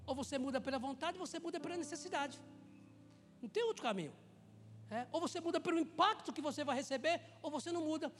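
A pastor from Brazil preaching a lively sermon, telling jokey stories and rising to shouted calls. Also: male voice, extremely high pitch, long reverb tail. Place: church.

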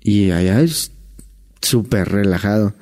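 A man's voice: fairly low pitch, measured pace, a little mellow. Chatty Mexican man telling stories. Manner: chatty, peppers speech with tag questions and restarts. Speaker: guest, former hotel entertainer. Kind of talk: casual storytelling chat.

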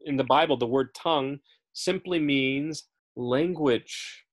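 Speaking slowly in a mid-range voice, this man leads a Bible study in an easygoing, conversational way. English is his first language, and he keeps using fillers, checking in with the group, and correcting himself.

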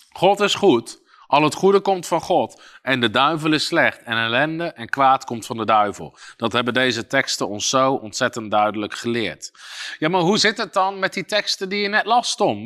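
A man's voice: a little high, bright, forceful tone. A man preaching a sermon, reading scripture aloud and explaining it with emphasis, answering imagined questions from listeners.

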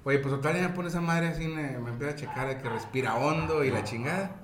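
A man's voice: on the high side, quick pace, reverberant, background noise. A Mexican man recounting a story in casual chat, slangy and quoting others. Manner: relaxed, slangy, quotes others in dialogue.

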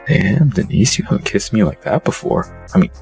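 A man voices a smooth young boyfriend in an audio drama. His voice is low and gravelly and swings lively in pitch, with faint music underneath. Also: brisk. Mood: coaxing.

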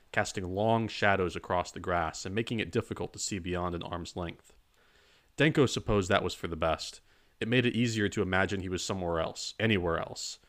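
A man narrating a dark crime story in a measured, even storytelling manner. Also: low-pitched. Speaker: audiobook narrator. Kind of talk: scripted narration.

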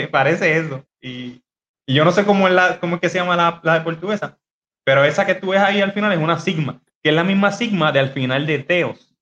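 A man's voice: on the high side, a little fast, fairly bright tone, highs cut off. A man hosting a casual podcast, teaching about biblical Greek with many fillers and restarts over a video call. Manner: hesitant, many fillers and restarts, laughs easily.

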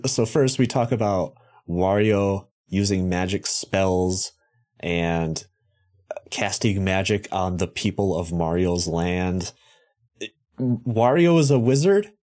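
Low-ish voiced guy rambling on a podcast, jokes around, swears a lot, keeps correcting himself. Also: takes it slowly, a little mellow. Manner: rambling, jokey, swears freely, self-correcting. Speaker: podcast co-host. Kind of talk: casual chat.

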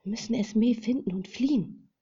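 A woman's voice: fairly low pitch, moderate pace, dark tone, husky. A woman reading the lines of a distraught young woman held captive, bitter and furious. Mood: determined. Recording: dull lo-fi recording.

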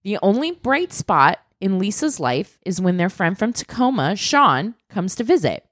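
A woman's voice: medium pitch, moderate pace, no echo, clean studio sound. A woman co-hosting a casual podcast, telling a true crime story with lots of "like" and the odd swear word. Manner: animated, swearing, fillers like "like".

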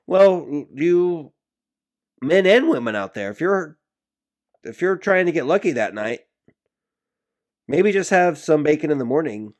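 A man co-hosting a podcast, telling stories in an animated, joking way in a casual chat. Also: on the high side, measured pace, long pauses. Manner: animated storytelling with laughs. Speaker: podcast co-host.

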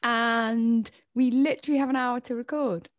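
A woman's voice: fairly high pitch, steady tone, moderate pace, no echo, clean studio sound. A woman co-hosting a casual podcast over a call, chatty and frank, laughing a lot. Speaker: podcast co-host, personal trainer. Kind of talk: casual chat. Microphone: remote call.

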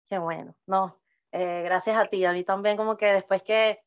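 A woman's voice: mid-range voice, fairly even intonation, normal speed, clean tone. A woman from Venezuela hosting a podcast interview in a friendly, conversational way. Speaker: podcast host. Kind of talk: casual interview chat.

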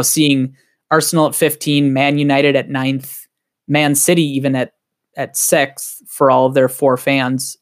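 A man with a Wisconsin accent, a guest on a casual podcast, talking in an excited, heated, rambling way. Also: a little high.

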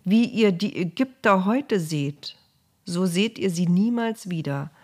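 A woman voicing a calm male leader reassuring his frightened people. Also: lowish voice, measured pace, husky.

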